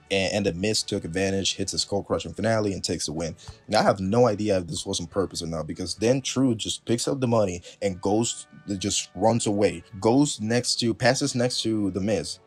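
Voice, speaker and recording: Husky low-voiced man recapping wrestling. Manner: chatty, laughing, lots of fillers. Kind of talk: casual recap commentary.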